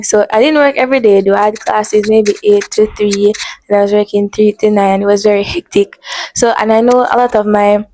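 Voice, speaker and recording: A woman's voice: medium pitch, darkish tone, dry recording. A woman from Jamaica, hosting a casual chat about student life and laughing often. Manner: laughs often, chatty and upbeat. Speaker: vlog host, medical student.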